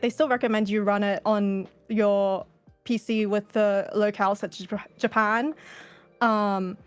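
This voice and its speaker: An Australian woman presents a casual fan panel indoors at a virtual convention, keeping things informal and swearing occasionally. Her voice is on the higher side, clear and resonant.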